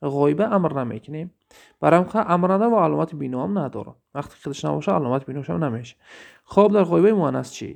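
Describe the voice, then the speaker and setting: A man with a Tajik Persian accent teaching an Arabic grammar lesson, explaining step by step, asking questions to check understanding and reading example sentences slowly. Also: fairly high pitch, vocal fry, darkish tone.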